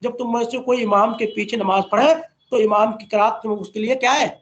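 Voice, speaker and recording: High-voiced man teaching a hadith lesson. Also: fairly even intonation, a little fast. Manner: recites chains of narrators in Arabic, then explains with rhetorical questions. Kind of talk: religious lesson, reading Arabic and explaining in Urdu. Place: online class over a call.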